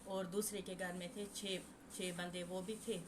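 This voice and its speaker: A woman's voice: on the low side, little pitch movement. Woman from kashmir telling her story, keeps restarting, noisy stream audio. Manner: repeats and restarts phrases. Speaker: guest recounting a massacre. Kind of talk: halting personal testimony.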